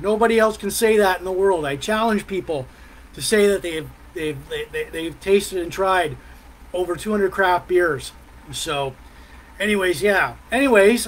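A middle-aged man, chatting casually as a live vlog host in a halting, meandering way. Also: sits high, poor audio. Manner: halting, meandering delivery with pauses and mm sounds. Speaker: host of a live music and beer review vlog. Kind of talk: casual rambling live chat. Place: small decorated room at home, indoors.

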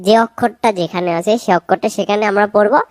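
A woman teaching recitation, chanting verses slowly and drawing out each sound, then explaining the pronunciation quickly. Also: medium pitch, no echo. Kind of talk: slow recitation lesson with spoken corrections.

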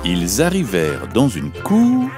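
A man narrating a children's story, slow and melodic. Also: lowish voice, huge pitch swings, over music.

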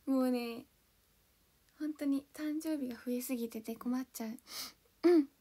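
Born in Hiroshima and now based in Kanto, this young idol livestreamer has a high, mellow voice with fairly even intonation and a normal speed. She chats casually and giggles bubblily while reading and thanking viewers' comments one at a time.

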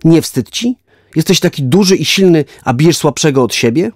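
A man's voice: fairly high pitch, lively intonation, normal speed, no echo, clean studio sound, voice pushed up. A man voicing a stern woman teacher. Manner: strict, then gently instructive. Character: stern but kind woman schoolteacher.

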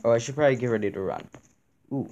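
A man's voice: medium pitch, very fast, darkish tone, muffled recording, a little hiss or hum. A young man playing a horror game, reacting nervously and swearing as he talks through it. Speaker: gamer.

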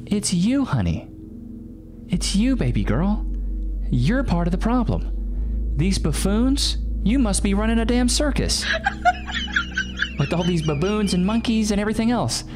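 A man's voice: high-pitched, very animated, a little slow, long pauses. A man in his thirties hosting a reaction show, teasing and mocking in sarcastic, sing-song asides, recorded on a studio mic. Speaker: host. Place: small studio room. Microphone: boom-mounted studio mic. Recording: studio voice with music underneath.

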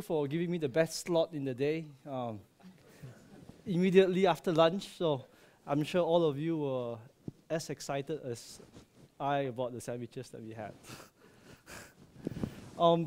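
In a large lecture hall, a friendly Malaysian subsea processing engineer in his thirties gives his conference talk through a headset, joking lightly and using many ums and uhs. His fairly high voice sounds a little mellow.

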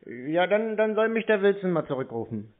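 Over a narrow-band phone line, a man with a high, sing-song voice chats casually at a moderate pace. He prank-calls scam call centres, staying unflappable and dogged behind an air of feigned innocence.

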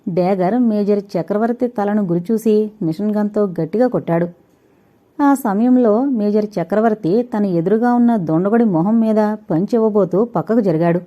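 A woman narrating a suspense thriller audio novel in a steady, dramatic storytelling manner. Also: mid-range voice, moderate pace. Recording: dull lo-fi recording.

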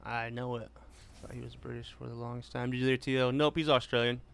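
A man's voice: mid-range voice, little pitch movement, quick pace, creaky. A man streaming a racing game live, chatting casually and answering viewers as he drives. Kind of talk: casual live gameplay commentary. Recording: loud car game sounds over voice. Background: racing game engine noise.

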